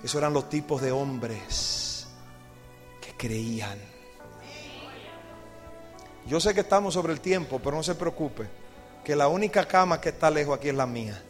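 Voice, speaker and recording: A man's voice: a little high, animated, moderate pace, long pauses, soft background music. A male pastor preaching an evangelistic sermon, telling the story dramatically and putting questions to the congregation. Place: church service with congregation.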